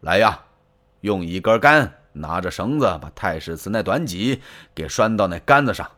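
Storyteller man as brash young lord, barking orders, big swings in pitch. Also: animated, moderate pace, a bit bright. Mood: commanding. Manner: brash, commanding.

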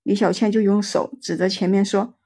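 A woman storyteller host narrating a ghost story in a chatty, relaxed way with many filler words. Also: medium pitch, moderate pace, husky.

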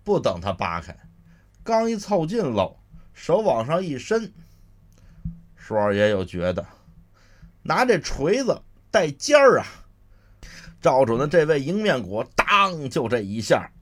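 A man's voice: a little high, wildly swooping pitch, a little slow, pauses often. A man with a Beijing accent performing solo comic storytelling, chatty, with explanatory asides to listeners. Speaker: solo crosstalk comedian.

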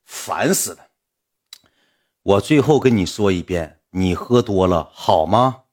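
A man's voice: deep voice, animated, slow, a little mellow, exaggerated voice. A man imitating an irritated young woman, huffy and exasperated.

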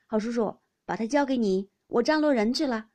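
Woman reading a brisk, friendly young host. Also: mid-range voice, big pitch swings, creaky, darkish tone, slightly rough, exaggerated voice. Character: busy, hospitable young male party host.

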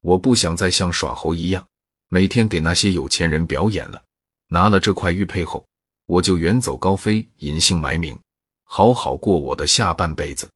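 A man's voice: low-pitched, normal speed, fairly bright tone, slightly rough, dry recording, clean studio sound. A man voicing a cunning crook who talks in an emotional, wheedling way. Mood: smug. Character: cunning man, pleading then smug.

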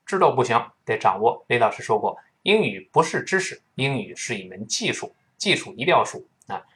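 A man teaching English pronunciation in Mandarin Chinese, who drills each phrase slowly and repeats it for his students to say back. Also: mid-range voice, big pitch swings, fairly bright tone.

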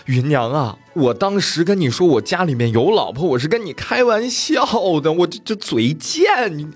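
A man's voice: mid-range voice, huge pitch swings, a little fast, a little mellow, breathy edge, soft background music, full character voice. Man playing a sly, sheepish young scholar. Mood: pleading. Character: scheming, remorseful young scholar.

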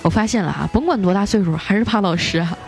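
A woman radio host with a mid-range voice reads listener jokes aloud as music plays in the background. She's playful and chatty, tossing in teasing asides of her own with drawn-out particles, making for a lively comic reading.

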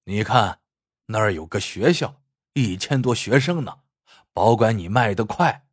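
A man's voice: fairly low pitch, animated, measured pace, slightly rough, no room sound, studio quality. A man voicing a jovial, kindly middle-aged male school principal who talks in a hearty, reassuring way. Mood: genial.

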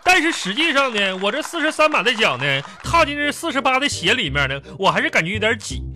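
Grumbling husband. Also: male voice, extremely high pitch, big pitch swings, quick pace, bright, forceful tone, slight background noise, full character voice. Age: middle-aged. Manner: mutters sly asides under his breath. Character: grumbling middle-aged husband, muttering petty insults. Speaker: radio comedy host. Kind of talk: live comedy radio sketch. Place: radio studio. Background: music.

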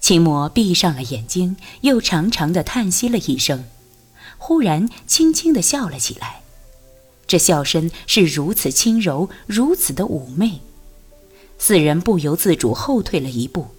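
An audiobook narrator reads a martial arts novel in an expressive, storytelling style, unhurried and with intonation that rises and falls freely. Her voice is low-set and breathy, and faint music plays underneath.

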